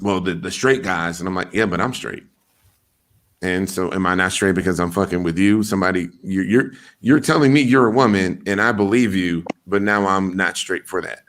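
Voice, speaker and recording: A man's voice: low voice, a bit bright. A man hosting a podcast in a loose, blunt casual chat, full of fillers and swearing. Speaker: podcast host.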